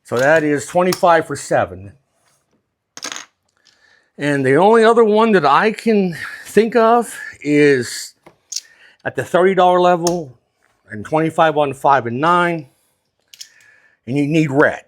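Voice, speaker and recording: A man with a fairly high-pitched voice gives casual, hands-on instruction as a craps dealing teacher. He is plain-spoken and walks through each move step by step. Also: lively intonation, a little slow, long pauses.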